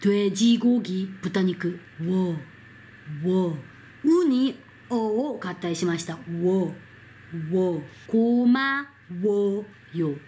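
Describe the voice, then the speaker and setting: A Korean woman teaching Hangul to learners in Japanese, repeating each sound slowly and drawing it out. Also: on the low side, mellow, slight background noise. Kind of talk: slow, careful pronunciation lesson.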